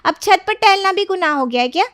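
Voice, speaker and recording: A woman's voice: very high voice, expressive, fast, a bit bright, dry recording, studio quality. A woman voicing a kind, obliging young woman in a cartoon story, talking sweetly and always ready to help. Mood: fretting.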